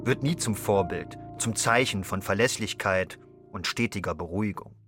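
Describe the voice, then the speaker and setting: A man voicing a brooding chorus figure in a radio play, with a low, declamatory voice. Music is clearly heard under him. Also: normal speed, close to an everyday voice. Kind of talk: literary radio play narration.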